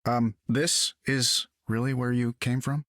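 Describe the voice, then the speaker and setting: A man's voice: mid-range voice, fairly even intonation, measured pace, a bit bright, dry recording, clean studio sound, natural voice. A man voicing a confident, wisecracking inventor superhero in a video game, wry and casual. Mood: sardonic. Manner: wry, casual, self-assured. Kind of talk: video game character acting.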